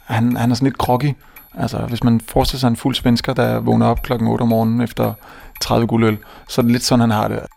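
A young man from Denmark telling a comic story on stage, animated and self-mocking, often stammering and restarting. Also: medium pitch, vocal fry. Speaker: stand-up comedian. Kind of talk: stand-up storytelling.

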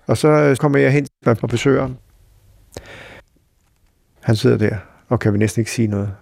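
Gravelly, husky man telling a story. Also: mid-range voice, a little mellow, no room sound, studio quality. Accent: Danish. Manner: halting, reflective, many fillers. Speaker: interviewee recalling a friend. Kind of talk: personal storytelling.

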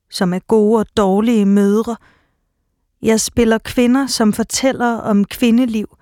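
A woman playing a proud, lonely actress and writer, delivering a slow, measured theatre monologue. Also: on the high side, a little mellow, dry recording, studio quality, natural voice.

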